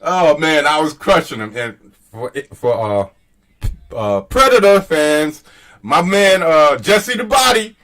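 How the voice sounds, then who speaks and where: A man's voice: on the high side, very animated, slow, fairly bright tone, distant mic. A man hosts a casual, rambling commentary on online exchanges in a mocking, profane manner. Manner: mocking, profane, chuckling at his own jabs. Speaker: host.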